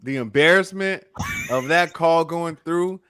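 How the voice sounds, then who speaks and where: A man co-hosting a casual podcast chat, expressive and laughing, repeating phrases. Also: fairly high pitch, unhurried, smooth, no echo, studio quality. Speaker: podcast co-host.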